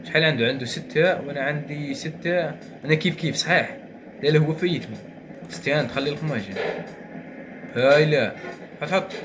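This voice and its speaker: Young Algerian streamer, excitable and fast-talking, mid-pitched, noisy home mic. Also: male voice. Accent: Algerian Arabic. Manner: excitable, muttering to himself, swings from grumbling to shouting. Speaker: gaming streamer. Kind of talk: gameplay commentary.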